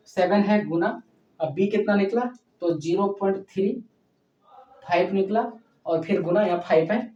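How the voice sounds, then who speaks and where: A math teacher works through a problem step by step, going slowly, asking "okay?" after each point and fondly calling students "child." His medium-pitched voice is slightly mellow, with a lo-fi quality. He sounds distant from the mic in an echoey, roomy space.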